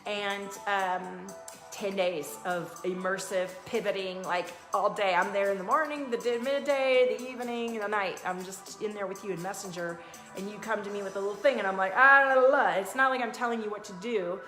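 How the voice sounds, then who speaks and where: A woman's voice: medium pitch, normal speed, roomy sound, soft background music. A woman talking casually on a live stream as a life coach and energy reader, giving upbeat, motivational advice in a chatty way.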